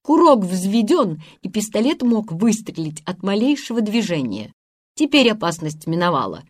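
A woman voicing a calm, commanding boy who leads his friends in a storybook reading. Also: medium pitch, normal speed, slightly rough. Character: bold, calm boy captain.

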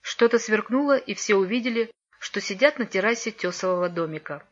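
A woman reads a fairy tale aloud, calm and even, at a middling pitch. Her narration comes through a dull, lo-fi recording. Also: a little fast. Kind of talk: storybook reading.

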